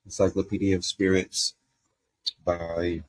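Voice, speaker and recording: Deep-voiced man hosting a casual show. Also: a little slow, dry recording, rough recording. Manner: relaxed, rambling, self-deprecating. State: eating candy with a toothache. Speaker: podcast host. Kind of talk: casual chat.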